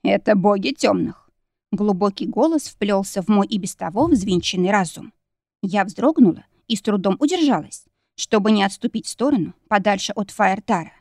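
Brief: female audiobook narrator, mid-pitched, dry close mic. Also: expressive, normal speed, a little mellow, dry recording. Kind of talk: first-person audiobook narration.

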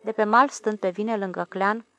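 A woman narrating a literary audiobook in a calm, even storytelling manner. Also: medium pitch.

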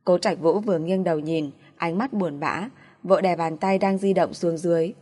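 A woman narrating an audiobook novel in a steady, even reading. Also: lowish voice, normal speed, husky.

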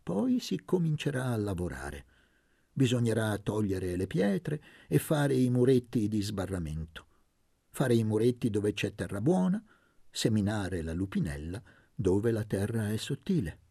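A determined young peasant leader addresses a crowd, lively and rising in pitch as he presses his case, in a storybook reading, read by a man. His low voice is husky and gravelly, recorded close and dry. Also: unhurried, no room sound, heavily acted. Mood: rousing.

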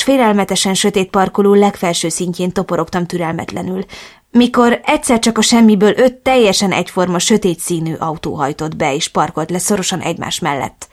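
A woman reading a first-person novel aloud as audiobook narrator, in a steady, clear storytelling manner. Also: mid-range voice.

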